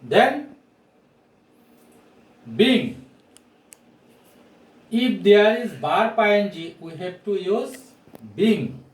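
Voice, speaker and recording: In a small, bare room, a man in his forties who speaks English as a second language teaches grammar at the whiteboard, projecting carefully, repeating the key phrases and throwing out rhetorical questions. His voice is high-pitched and animated. A camera or phone microphone a few steps away records it with a roomy echo.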